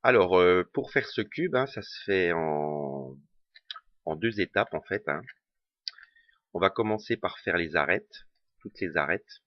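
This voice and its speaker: Hesitant tutor, man, regional French accent, deep voice, dull dry lo-fi recording. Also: dry recording. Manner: hesitant, many fillers and self-corrections. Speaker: puzzle tutor. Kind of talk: casual spoken tutorial.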